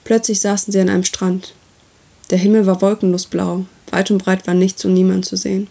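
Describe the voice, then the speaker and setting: A woman reading a story aloud as its narrator, with steady, even delivery. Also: mid-range voice, a little fast, vocal fry.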